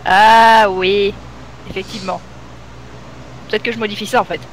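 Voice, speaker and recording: A woman from Reunion Island streaming late at night, chatting casually, reading lines aloud and slipping into halting English. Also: mid-range voice, flat delivery, a little hiss or hum, low-quality recording. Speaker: Twitch streamer.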